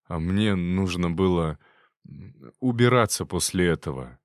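Man reading as a scared young servant, hesitant, halting, low voice, close dry audiobook sound. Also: lively intonation, no room sound. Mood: confessing. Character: frightened young male servant confessing. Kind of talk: audiobook character voice.

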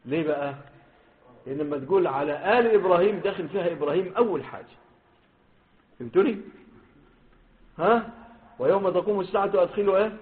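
A man's voice: sits high, lively intonation, fast talker, long pauses. A man with an Egyptian Arabic accent teaching a hadith lesson, stressing the quoted wordings and putting questions to his students. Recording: phone-like lo-fi recording.

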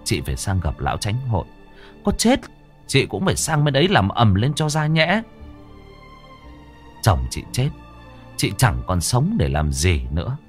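A man narrating a ghost story in an expressive, dramatic storytelling way. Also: fairly low pitch, a little slow, long pauses, faint music behind.

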